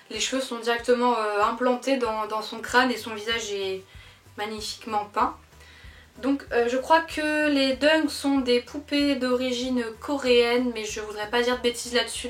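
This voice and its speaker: A young woman chatting casually on her vlog about her doll collection, lively, with many fillers and self-corrections. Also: a little high. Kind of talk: casual chat. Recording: echoey room.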